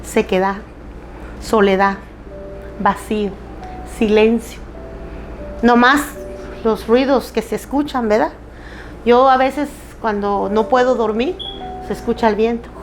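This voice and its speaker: Loud, emphatic woman preaching. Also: a little high, slow pace, long pauses, faint music behind. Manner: loud, emphatic and plain-spoken; candid, with self-deprecating humor. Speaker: preacher at a women's church group. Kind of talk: sermon.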